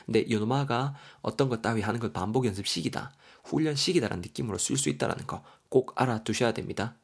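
A man with a Gyeongsang accent teaching English vocabulary in a lively, folksy way, spelling words out and explaining them. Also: mid-range voice, fast talker, creaky, slightly rough. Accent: Gyeongsang Korean. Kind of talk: vocabulary lesson.

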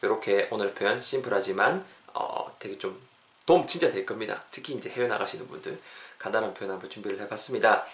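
A man teaching English phrases in a podcast lesson, chatting and encouraging listeners, slowing down to drill each phrase. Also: lowish voice, fairly bright tone. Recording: roomy echo.

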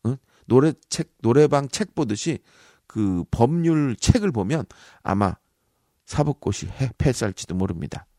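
A man who is a professor and speech coach gives a lively, teasing talk full of rhetorical questions and puns. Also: mid-range voice, unhurried, no echo, studio quality. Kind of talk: lively talk-show lecture.

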